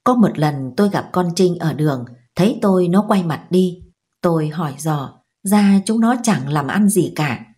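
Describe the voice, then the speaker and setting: A woman narrating a novel as an audiobook in a steady, measured storytelling manner. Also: on the low side. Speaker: audiobook reader.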